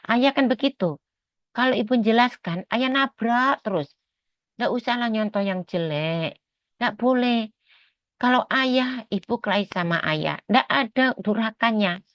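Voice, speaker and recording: A middle-aged woman talks straight to the listener in an earnest, aggrieved way and circles back over her points to press them home. Her voice sits at an ordinary pitch for a woman. The sound is dry and a little dull, with no room around it. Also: fairly bright tone, no room sound. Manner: earnest, aggrieved, repeats herself for emphasis. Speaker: mother recounting family troubles. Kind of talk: personal monologue to camera.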